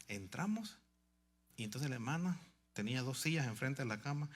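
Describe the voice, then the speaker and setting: A male pastor telling a story in a sermon, swinging between hushed passages and loud, emphatic ones. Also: medium pitch, expressive, moderate pace.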